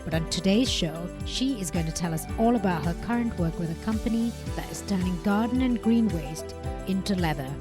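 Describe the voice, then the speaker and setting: A woman's voice: fairly low pitch, brisk. Upbeat woman hosting a podcast over music. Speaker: podcast host. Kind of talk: scripted podcast intro and interview. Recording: music bed behind the voice.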